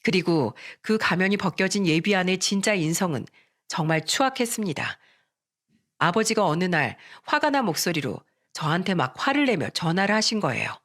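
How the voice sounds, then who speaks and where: A narrator reading a scripted first-person story in a calm, steady way. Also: medium pitch, normal speed.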